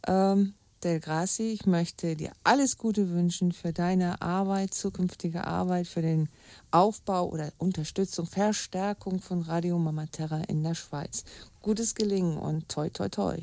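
A woman co-hosting a radio show from a studio, speaking in a measured way with small restarts. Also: on the low side, steady tone, mellow, dry recording. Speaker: radio co-host. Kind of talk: radio sign-off.

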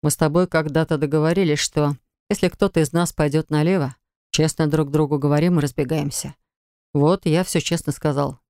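A woman reading the lines of a calm, decisive husband in an audiobook, matter-of-fact. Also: low voice, brisk, clear, resonant tone, dry recording, studio quality. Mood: firm. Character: cool, decisive husband, grown man. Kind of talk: audiobook character voice.

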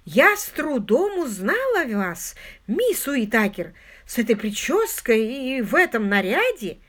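A woman doing a fussy, excitable old spinster. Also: sits high, normal speed, voice pushed up. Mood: eager, alarmed. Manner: breathless, fussy and insistent.

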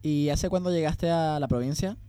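Halting Argentine teen boy host. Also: on the high side, a crowd in the background. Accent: Argentine Spanish. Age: teens. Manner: halting, many fillers and restarts. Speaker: student radio host. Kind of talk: casual interview. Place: school radio studio.

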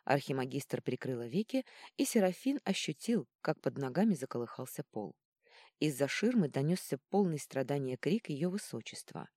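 A woman reads a fantasy audiobook in an expressive storytelling manner. Her voice sits low and warm, with lively pitch movement. The recording is dry and close. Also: normal speed, no echo. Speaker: audiobook narrator. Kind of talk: audiobook narration.

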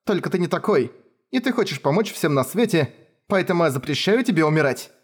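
A man reading an audiobook, voicing a tearful, devoted young woman warrior who pleads and breaks into shouts. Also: on the high side, animated, a little fast, breathy edge, voice pushed up. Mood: pleading. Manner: pleading, sobbing, rising to shouts. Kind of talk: audiobook character voice.

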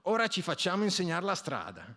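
A man voicing a cheeky, boisterous young working man who teases and jokes loudly. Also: high voice, wildly swooping pitch, fairly quick, voice pushed up, exaggerated voice. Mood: teasing, boisterous. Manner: teasing, loud and boisterous.

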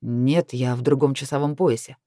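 A woman voicing a sleepy, irritable young man who answers curtly and gruffly. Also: mid-range voice, fairly even intonation, moderate pace, mellow, no room sound, clean studio sound, pitched below the performer's own voice, lightly acted. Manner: curt, gruff.

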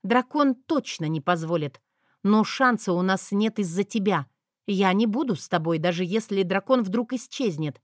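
A woman reading an audiobook voices a defiant, scheming young woman who speaks in a mocking, sharp manner. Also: mid-range voice, normal speed, dry recording, clean studio sound, natural voice. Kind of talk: audiobook character voice.

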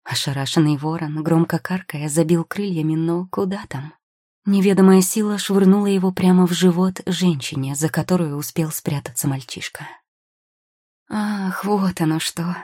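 A woman reading a storybook aloud in a measured, storyteller's manner. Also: fairly low pitch, steady tone, warm tone, dry recording, clean studio sound. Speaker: audiobook narrator. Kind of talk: scripted narration.

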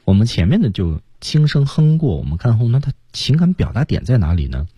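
A man's voice: medium pitch, sing-song, fairly quick, warm tone, slightly rough, no echo. A man co-hosting a radio lesson, explaining singing technique step by step and singing short phrases to show it. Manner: explains step by step, sings snippets to demonstrate. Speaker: singing coach co-host. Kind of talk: radio teaching talk.

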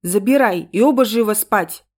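A woman voicing an irritable, quick-tempered young mother who shouts and curses in an audiobook. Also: mid-range voice, natural voice. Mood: hissing. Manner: shouting, exasperated. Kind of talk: audiobook character reading.

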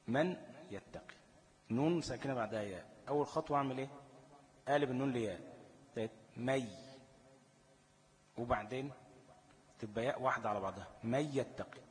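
A man's voice: medium pitch, long reverb tail. Egyptian man teaching recitation rules. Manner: asks the listener questions and answers them himself, chants verse examples slowly. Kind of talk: tajweed lesson in colloquial Egyptian Arabic.

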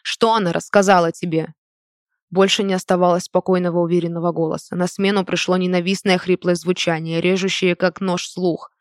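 An audiobook reader narrating a first-person novel in a measured, even way, recorded close to the mic. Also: mid-range voice, dry recording.

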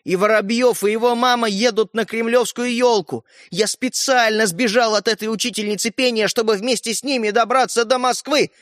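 A man's voice: extremely high pitch, fairly even intonation, normal speed, hardly any pauses, fairly bright tone, no echo, studio quality, voice pushed up. A man voicing a tiny, proud and grumpy fairy-tale boy hero who snaps and boasts. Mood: grumbling. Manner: snappy, indignant, boastful.

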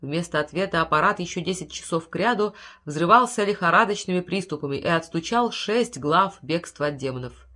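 A woman narrating an audiobook in a steady, expressive storytelling manner. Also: on the low side, a little fast. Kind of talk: scripted narration.

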